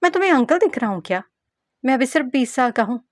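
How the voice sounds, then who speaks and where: A woman's voice: mid-range voice, brisk, no echo, studio quality, lightly acted. A woman voicing an exasperated twenty-year-old man, indignant and flustered.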